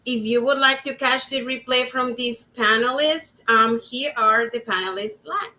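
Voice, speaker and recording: A woman's voice: fairly high pitch, measured pace, bright, forceful tone, low-quality recording. A woman from Panama hosting an online panel, giving upbeat, welcoming introductions. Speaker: webinar host.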